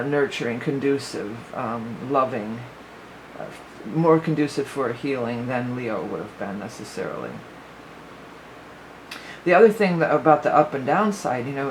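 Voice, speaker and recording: A psychic reader with a very deep voice that sounds a little worn gives a casual spoken astrology forecast. She rambles and thinks aloud, using lots of fillers, with background noise in the recording.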